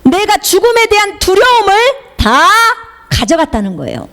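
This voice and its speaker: A high-voiced, middle-aged woman delivering a sermon as a missionary preacher. Her pitch swings widely as she drives each point home with emphatic repetition. She leads the listeners in call-and-response. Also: huge pitch swings, normal speed, fairly bright tone. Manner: emphatic, repeating phrases for the congregation to echo.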